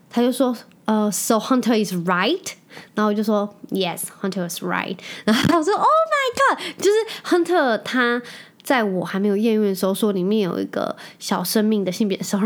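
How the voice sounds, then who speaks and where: Chatty woman telling a family story. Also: medium pitch. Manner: chatty, animated storytelling with playful quoted voices. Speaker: podcast host. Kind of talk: casual solo chat.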